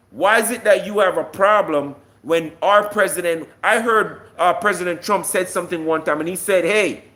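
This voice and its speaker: His high-pitched, slightly bright voice carries an impassioned political rant aimed at online viewers. The man, a live-stream commentator from Jamaica, is combative and emphatic and keeps firing off rhetorical questions.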